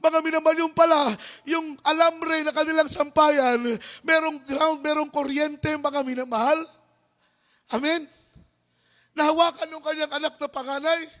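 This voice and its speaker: A man with a Filipino accent preaching a fervent sermon, repeating refrains and rising to shouts. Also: very high-pitched, flat delivery, normal speed.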